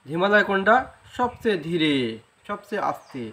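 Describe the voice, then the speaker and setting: Speaking in a high, pushed, bright voice with lively intonation, a man with a Bangladeshi Bengali accent teaches the flute. He works through rhythm with patience, slowly singing sargam syllables and frequently asking "right?" in this spoken lesson.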